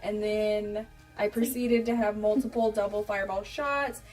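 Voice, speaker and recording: Brief: young adult American woman, candid casual vlogger storyteller, middle-pitched, recorded at a distance with music behind. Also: steady tone, normal speed, darkish tone. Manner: candid, giggly, swearing freely, acts out quoted dialogue. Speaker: beauty vlogger.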